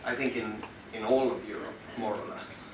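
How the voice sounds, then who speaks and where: A man from western Norway with a Norwegian accent, talking to a concert audience from the stage in a halting, thoughtful way with many pauses and restarts. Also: lowish voice, steady tone, slight background noise. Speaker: musician introducing his work on stage. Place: concert club venue. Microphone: stage microphone through the house speakers, recorded from the audience. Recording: roomy venue sound recorded from far off.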